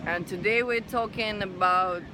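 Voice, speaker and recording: A woman talks in earnest, playful English, with a mid-range voice. She is outdoors on a beach, with steady outdoor noise behind her. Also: medium pitch, unhurried. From Russia. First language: Russian. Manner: earnest and playful, laughs easily. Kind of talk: casual chat. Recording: noisy outdoor beach recording.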